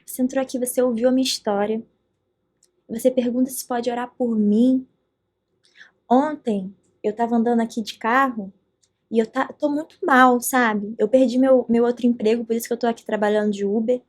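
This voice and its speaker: A man's voice: very high voice, steady tone, moderate pace. A woman voicing a desperate man who drives for a ride app, speaking in a heavy, confessional way.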